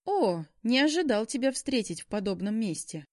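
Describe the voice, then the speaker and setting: A woman's voice: lowish voice, very animated, normal speed, dark tone. A woman voicing a charming young vampire man who speaks in a mocking, velvety, teasing way.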